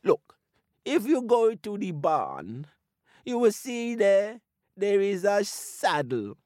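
A man's voice: sits high, wildly swooping pitch, takes it slowly, darkish tone, no room sound, studio quality, voice pushed up, full character voice. A man playing Anansi, a sly, wheedling spider. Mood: coaxing. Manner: wheedling, feigning sickness with coughs.

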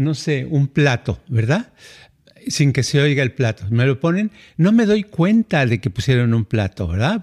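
Brief: middle-aged Mexican man, podcast co-host, lively anecdotal chat. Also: on the high side. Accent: Mexican Spanish. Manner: animated, acts out quoted voices, frequent fillers. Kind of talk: casual conversational storytelling.

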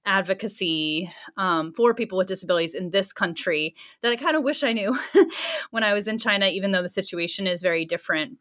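A woman in her thirties, an anthropologist, answers questions as an interview guest in a fairly low-pitched voice. She sounds thoughtful and warm, often laughing softly and using fillers.

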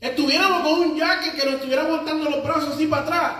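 A male pastor delivers a sermon in a high-pitched voice, emphatic and anecdotal with a humorous edge. He is picked up from a distance, and his words bounce around a heavily reverberant church hall. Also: fairly even intonation, rapid-fire, bright, forceful tone. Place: church service with congregation responses. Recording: very echoey church hall, mic far off.

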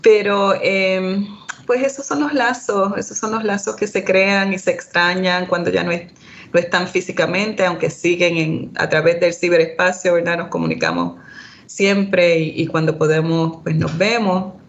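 Panelist, mid pitch, hesitant, many fillers, dull lo-fi sound. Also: moderate pace, fairly bright tone. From Puerto Rico and United States. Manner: hesitant, frequent "¿verdad?" and fillers. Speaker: scholar on a panel. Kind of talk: academic panel discussion.

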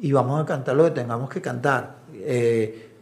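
A man's voice: medium pitch, moderate pace. A middle-aged man, an assistant coach, telling anecdotes in a casual interview and acting out the voices of people he quotes. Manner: animated storyteller who acts out quoted voices. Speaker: assistant coach and video analyst.

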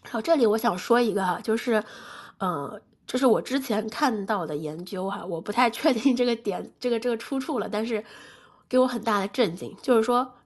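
A woman with a hoarse, gravelly voice and a blocked nose from a cold, explaining things conversationally as the presenter of a casual lesson. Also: on the high side, normal speed. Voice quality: husky, gravelly. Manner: conversational, explanatory, checks in with listeners. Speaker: sex education presenter.

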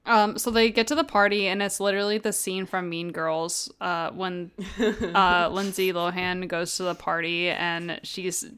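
A woman's voice: lowish voice, flat delivery, a little slow, fairly bright tone, clear, resonant tone. Woman, podcast host, casual book club chat, chatty retelling, lots of filler words.

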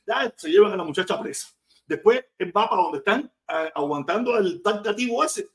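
High-voiced Cuban man ranting live. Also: expressive, brisk. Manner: blunt, repetitive, mocking rant. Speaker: live streamer. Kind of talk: casual live-stream commentary.

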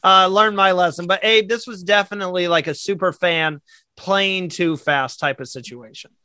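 A man hosting a casual podcast chat, eager and quick to laugh as he leads the discussion. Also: sits high, bright, forceful tone, no echo, studio quality. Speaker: podcast host.

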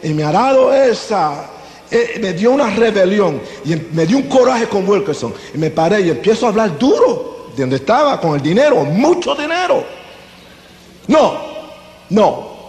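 A man's voice: high-pitched, very animated, normal speed, a little mellow. A man preaching a testimony sermon to a congregation, telling his story dramatically and acting out scenes. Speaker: evangelist giving testimony. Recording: echoey hall with faint ambience.

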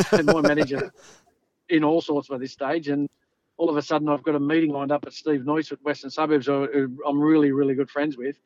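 A man's voice: on the high side, level tone, fairly quick, a little mellow. A middle-aged Australian man, a former rugby league player, telling stories in a rambling, laid-back way. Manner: rambling, laid-back, lots of "you know". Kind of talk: casual interview storytelling. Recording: slightly dull lo-fi audio.

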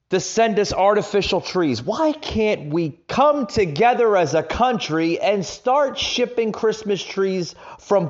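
A man hosting a political podcast, ranting with stumbling restarts, recorded with a makeshift setup in a rented vacation home with echo. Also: fairly high pitch. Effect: echoey room sound. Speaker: podcast host. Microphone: makeshift home setup without his usual equipment. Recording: dull lo-fi, echoey room.

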